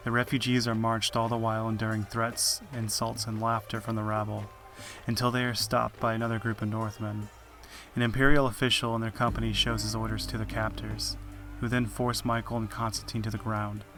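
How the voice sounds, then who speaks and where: A male podcast host narrates history in a measured, dramatic scripted read. His voice is low and keeps an even, flat contour, with clear music running beneath it.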